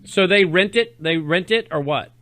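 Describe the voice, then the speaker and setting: High, bright-voiced man hosting. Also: moderate pace, no room sound. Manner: insistent, repeats words, prompting with questions. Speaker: host interviewing a correspondent. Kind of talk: opinionated conversational interview.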